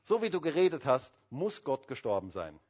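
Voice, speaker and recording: A preacher putting on a mournful, hushed wife. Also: male voice, big pitch swings, moderate pace, husky, highs cut off. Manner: low, subdued, mournful delivery.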